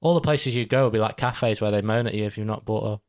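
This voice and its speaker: A man's voice: on the low side, quick pace, darkish tone, clear, resonant tone. A young man, co-hosting a casual chat and rambling, swearing and laughing as he goes. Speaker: podcast co-host.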